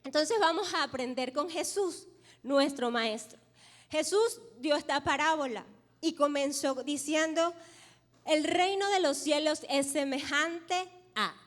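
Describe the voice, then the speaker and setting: High-voiced woman preaching in a reverberant church. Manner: leads the congregation in call-and-response repetition; reads scripture aloud, slowing for emphasis. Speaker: pastor. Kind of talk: sermon. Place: church sanctuary. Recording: long hall reverb of a church.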